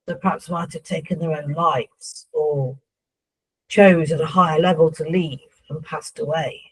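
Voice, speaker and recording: A woman speaking as a seance medium in trance, voicing a solemn, instructive spirit guide who addresses humans, with a husky voice. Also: fairly low pitch, low-quality recording.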